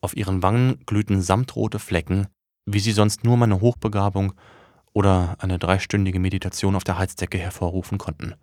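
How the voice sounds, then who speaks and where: A man with a fairly low voice narrates a first-person tale in a dry, wry manner. The telling stays level and understated. The recording is close and without any room sound. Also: flat delivery, normal speed, darkish tone, dry recording. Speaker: audiobook narrator. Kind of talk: first-person audiobook reading.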